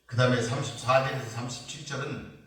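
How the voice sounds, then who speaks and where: A man's voice: medium pitch, steady tone, fairly quick, a bit bright. A man preaching a sermon as pastor, explaining scripture passage by passage and voicing his listeners' mocking questions. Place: prayer retreat church. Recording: very echoey church hall, mic at a distance.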